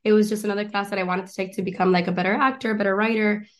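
Young woman guest, everyday mid-pitched voice, rambling and eager, keeps restarting her sentences. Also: fairly even intonation, very fast. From Miami and Argentina. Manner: chatty and eager, lists things, frequent restarts. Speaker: guest, actress and stand-up comedian. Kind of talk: casual interview chat.

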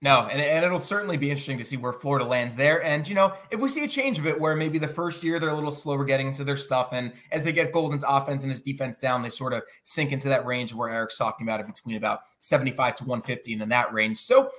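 A man hosting a college sports podcast, walking through numbers and steering the segment in a lively, conversational way. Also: mid-range voice, fast talker, hardly any pauses. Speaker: podcast host.

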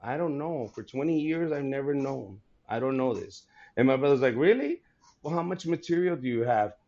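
Animated man in his forties, laughing. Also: mid-range voice, moderate pace, lo-fi sound. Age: 40s. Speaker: comedian guest. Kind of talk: casual podcast chat.

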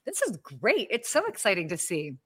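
A woman's voice: mid-range voice, huge pitch swings, moderate pace, slightly rough, dry recording. Bubbly woman podcast host, dry sound. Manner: bubbly, exclaiming, many fillers. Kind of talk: casual livestream chat. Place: home apartment.

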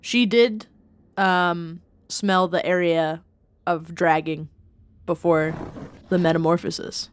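A woman's voice: on the low side, steady tone, slow pace, slight background noise. A woman playing in a tabletop game, joking playfully with the group. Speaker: player. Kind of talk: casual tabletop play.

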